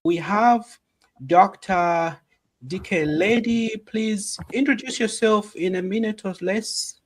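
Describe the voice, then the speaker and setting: A man's voice: high voice, slow, soft background music. A man moderating an online panel over a video call, introducing each guest formally and thanking them again and again. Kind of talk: webinar moderating. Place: home.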